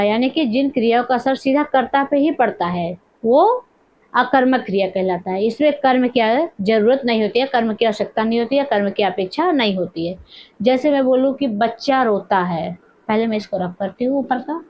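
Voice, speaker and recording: Woman teacher, higher voice, repeats examples, dull muffled recording. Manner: repetitive, dictating examples slowly, asking questions to the class. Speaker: Hindi grammar teacher. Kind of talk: blackboard grammar lesson.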